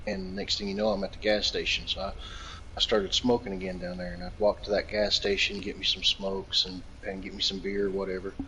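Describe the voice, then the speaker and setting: A man's voice: low voice, brisk, pushed and bright, slight background noise, low-quality recording. Profane rambling storyteller, man from Virginia. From Virginia, United States. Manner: profane, rambling anecdotes, laughs a lot. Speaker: storyteller in casual chat. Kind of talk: casual chat.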